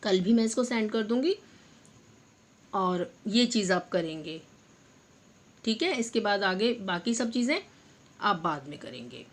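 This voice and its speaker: A woman's voice: medium pitch, lively intonation. Patient woman teaching young children. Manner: patient, addresses pupils as "beta", repeats example words slowly. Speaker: primary school teacher. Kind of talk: online Hindi lesson for young children.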